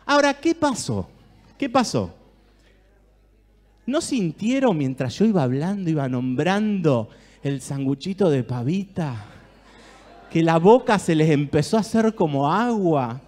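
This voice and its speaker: A man's voice: a little high, lively intonation, unhurried, mellow. A man with an Argentine Spanish accent, giving a talk to a church group and speaking straight to his listeners with questions. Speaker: speaker at a church family ministry. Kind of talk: talk to a live audience.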